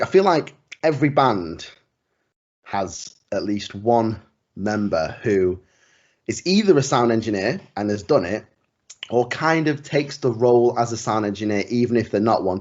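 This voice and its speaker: A man's voice: lowish voice, lively intonation, normal speed, a little mellow, muffled recording. A man co-hosting a casual band podcast, rambling with restarts and frequent giggles, recorded at home on a secondhand microphone. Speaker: podcast co-host. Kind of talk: casual chat. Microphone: secondhand desktop microphone.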